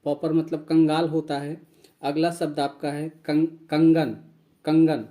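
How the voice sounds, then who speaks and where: Guy teaching english words, kinda high voice, repeats and spells everything. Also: little pitch movement, warm tone. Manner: slow, repeats each word and spells it out. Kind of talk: vocabulary lesson.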